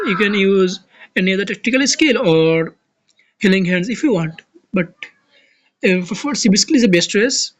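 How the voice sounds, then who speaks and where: On a muffled recording, a medium-pitched voice walks through a strategy game in a relaxed tutorial. The speaker, a game guide creator and native Bengali speaker from Bangladesh, has a Bangladeshi accent and frequently restarts words while hunting for terms.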